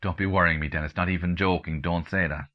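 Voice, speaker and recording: A man voicing a sharp-tongued, middle-aged Irish countrywoman with an Irish accent who scolds her husband in quick, exasperated retorts. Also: low-pitched, fairly even intonation, lo-fi sound, close to an everyday voice.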